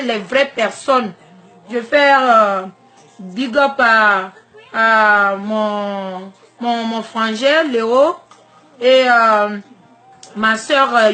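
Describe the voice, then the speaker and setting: A woman from Togo with a Togolese French accent, talking straight to her followers in an emphatic, confrontational rant that swings between shouting and soft asides. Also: fairly high pitch. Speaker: social media vlogger. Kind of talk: direct-to-camera personal rant.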